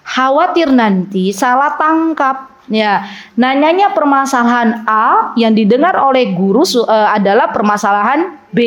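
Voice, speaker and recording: Woman preacher, highish voice, chatty with the ladies, acts out soft and firm voices, muffled lo-fi recording. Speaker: preacher teaching a women's study circle. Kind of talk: casual Islamic lecture to women.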